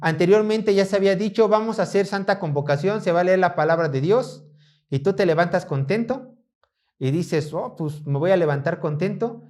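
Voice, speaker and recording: A man with a Mexican Spanish accent preaching a sermon in a church, animated, acting out the voices of the people in the story. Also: high-pitched, moderate pace.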